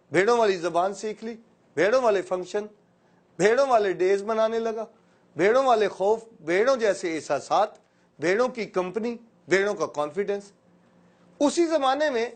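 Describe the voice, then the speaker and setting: A high-voiced man from Pakistan gives a motivational talk as an educator. He tells a fable in a lively way and breaks off for playful asides to his listeners. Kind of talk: motivational storytelling speech.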